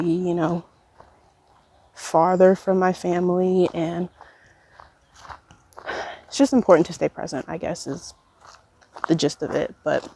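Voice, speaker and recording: A young woman in her twenties reflects in a pensive, casual way, as if thinking aloud to a vlog audience. Her voice sits slightly low and often dips into gravelly fry. A light layer of background noise runs under the recording. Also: darkish tone. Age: 20s. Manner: pensive, unhurried musing with trailing thoughts. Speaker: vlogger. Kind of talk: casual reflective solo monologue. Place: walking while recording, as a walk-along vlog.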